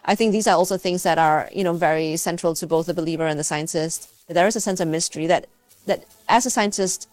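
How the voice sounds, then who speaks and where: A Malaysian scientist and university teacher, speaking as an interview guest, has a darkish voice on the low side, with no room sound. Her reflective, conversational answers are halting and thoughtful as she gropes for words.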